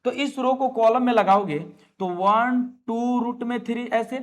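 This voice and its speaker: A man's voice: very high voice, measured pace. A male maths teacher giving a classroom lesson, coaxing students and repeating his questions back to them.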